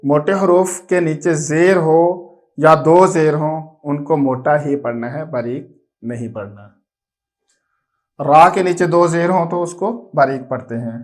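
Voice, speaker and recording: Brief: male Quran reading teacher with a Pakistani Urdu accent and a slightly high voice, slow chanted drills. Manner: chants syllables slowly, then explains briskly to parents. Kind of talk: slow drilled recitation lesson.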